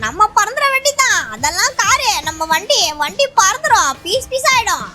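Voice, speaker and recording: A woman voicing an excitable pet dog sidekick who nags, fusses and warns, always craving meat. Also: extremely high pitch, moderate pace. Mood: warning. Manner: fussy, warning, nagging. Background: background music.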